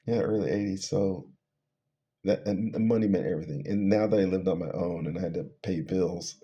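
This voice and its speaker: A middle-aged storyteller shares a personal testimony in a loose, rambling way, laughing between phrases as his words trail away. His voice sits low with a dark tone, and the recording has a lo-fi sound.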